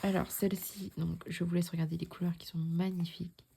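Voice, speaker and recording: Chatty woman with a low, mellow voice. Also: little pitch movement, fairly quick, creaky, breathy edge. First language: French. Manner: chatty, repeats herself, drops into soft near-whispers. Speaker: cross-stitch vlogger. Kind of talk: casual show-and-tell vlog.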